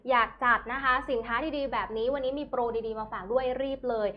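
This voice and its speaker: A young woman hosting a live-selling stream, pitching products in animated, chatty sales patter. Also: brisk, muffled recording. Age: young adult. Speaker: live shopping host. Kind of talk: Thai live-selling promotional chat, urging viewers to order. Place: small bright studio, indoors. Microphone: clip-on lapel microphone.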